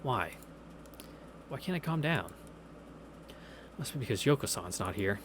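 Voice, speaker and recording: A man's lowish, fairly bright voice takes a sing-song, measured pace through a relaxed visual novel read-through, with a little hiss or hum in the audio. As video game music plays, he offers wry asides, reactions, and anecdotes.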